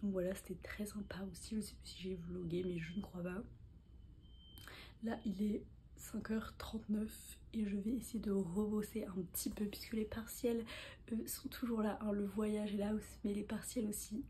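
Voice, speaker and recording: A young woman talks casually to the camera in a mellow, soft voice and often slips into a breathy half-whisper. She rambles, loops back on her own words and keeps a relaxed, chatty pace. A faint hiss sits under the recording. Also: mid-range voice, normal speed. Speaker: medical student vlogger. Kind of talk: casual vlog chat to camera.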